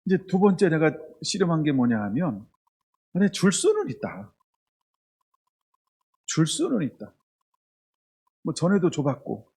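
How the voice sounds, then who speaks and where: A man's voice: fairly high pitch, huge pitch swings, unhurried, vocal fry, pauses often, a little mellow, husky. A man preaching a sermon as pastor, telling a candid, confessional story. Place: church.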